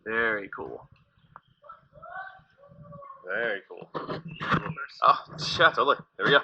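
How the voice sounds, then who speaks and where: An excitable person chatting casually and exclaiming during a cave adventure, with the voice echoing off the cave. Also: medium pitch, takes it slowly, gravelly, dull audio, slight background noise. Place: inside a cave with water.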